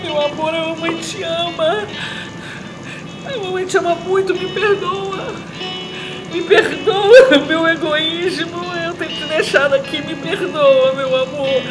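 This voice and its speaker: A woman's voice: extremely high pitch, fairly even intonation, takes it slowly. An actress playing a grieving mother who lost her son, in an intense, pleading theatre monologue. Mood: tender. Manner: intense, pleading, breaking into shouts. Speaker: stage actress. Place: theatre stage. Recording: echoey theatre with loud music.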